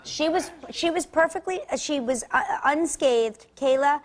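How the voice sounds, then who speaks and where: A woman hosting a daytime talk show in a studio before an audience, bubbly and quick to laugh. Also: high voice. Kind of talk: casual chat.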